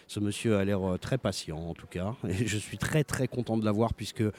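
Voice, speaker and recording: A man's voice: on the low side, brisk, darkish tone. A man hosting a live music radio show, talking casually with many hesitations and restarts. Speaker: radio host.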